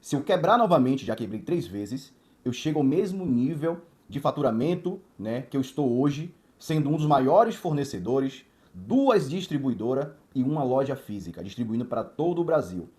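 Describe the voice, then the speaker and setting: A man from Salvador, Bahia, Brazil, who distributes watches, tells his life story with emphatic, motivational energy. His medium-pitched voice is warm and sing-song at a normal speed, and he repeats words in lists and adds lots of tag questions.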